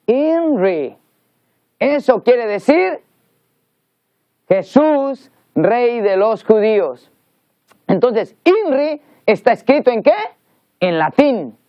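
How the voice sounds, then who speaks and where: A man's voice: very high voice, no room sound. A man preaching a teaching sermon, explaining earnestly and repeating words as he searches for the next one. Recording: dull lo-fi sound.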